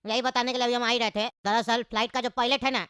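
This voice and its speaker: A woman's voice: a little high, level tone, fast talker, fairly bright tone, smooth, no room sound, studio quality, soft background music, close to an everyday voice. A woman voicing a timid flight attendant who apologetically tells passengers that the flight is cancelled. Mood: apologetic. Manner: apologetic, subdued. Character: meek male flight attendant. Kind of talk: comic cartoon voice acting.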